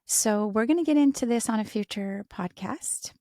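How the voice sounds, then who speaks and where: Soft-spoken woman podcast host. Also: on the high side, normal speed, no echo, studio quality. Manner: soft, often breathy and whispery. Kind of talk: casual heartfelt conversation.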